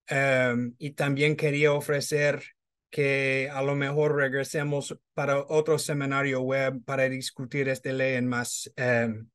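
A middle-aged man, a native English speaker with American-accented Spanish and occasional Madrid pronunciation, presenting haltingly in a webinar on a video call. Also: a little high, a bit bright. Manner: halting, hesitant non-native delivery. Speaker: education agency presenter. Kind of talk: webinar presentation, translating prepared answers.

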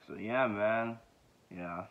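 A man's voice: on the low side, slow pace. A man in his twenties from Georgia, talking casually about himself in a rambling way full of fillers, filmed on a phone held close in his bedroom. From Georgia, USA. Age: 20s. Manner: rambling, many fillers and repeated yeahs. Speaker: vlogger. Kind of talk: casual self-introduction vlog. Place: small bedroom indoors. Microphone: phone held close at arm's length. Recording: tinny phone-like sound.

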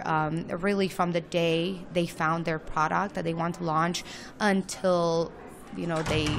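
A woman from Romania with a Romanian accent, talking enthusiastically as an interview guest, with many fillers. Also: on the low side. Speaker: guest, launch service owner. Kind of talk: casual interview.

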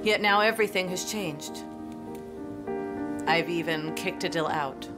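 Loud music runs behind a middle-aged mother acted by a woman in a television drama. Her voice sits a little low. She is a family matriarch, full of regret yet firm. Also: measured pace, natural voice. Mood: remorseful, pleading. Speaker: actor.

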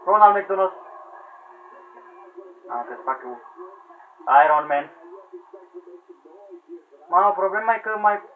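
A man giving excited gameplay commentary, yelling at characters, pleading with them and laughing as the match goes on. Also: high voice, pauses often. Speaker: gamer commentating own play. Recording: tinny lo-fi sound with faint hiss.

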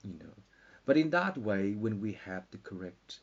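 Tired gravelly man rambling. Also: fairly low pitch, very animated, moderate pace. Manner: meandering mock-lecture, dips into whispers. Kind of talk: rambling pseudo-scientific monologue. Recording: dull lo-fi with faint hiss.

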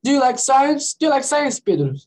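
A woman's voice: high voice, very animated, a little mellow, low-quality recording. Brazilian woman teaching English on a video call. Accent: Brazilian Portuguese. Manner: explains slowly, repeats English words, checks with students often. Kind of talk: online conversation class, explaining pronunciation.

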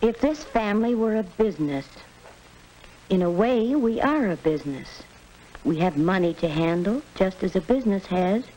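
A woman's voice: medium pitch, expressive, moderate pace, warm tone, natural voice. A woman playing an earnest, orderly middle-aged American mother in a 1940s educational film. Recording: noisy vintage film soundtrack.

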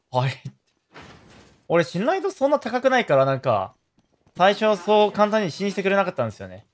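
A man, chatting playfully while he streams a game. His pitch sits a little high and swings widely as he jokes and reacts. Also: slight background noise. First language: Korean. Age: 30s. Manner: joking and animated, with loud yelps and laughs. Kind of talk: casual gaming stream chat.

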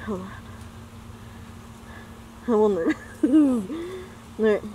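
A woman's voice: on the high side, sing-song, extremely slow, dark tone, slight background noise. A woman vlogger talking in casual chat, her voice muffled through a gas mask. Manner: laid-back, casual. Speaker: vlogger host.

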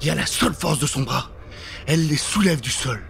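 With a fairly high, gravelly, slightly bright voice, a middle-aged man delivers a scary kids' story expressively and a little fast, leaning into the theatrical suspense. The recording comes from a small indoor set on a close studio mic with a pop filter, over background music.

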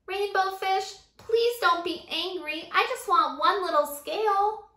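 A woman's voice: extremely high pitch, unhurried, pushed and bright, reverberant, voice pushed up, heavily acted. A woman voicing a small, timid male fish who pleads eagerly in a storybook reading. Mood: pleading.

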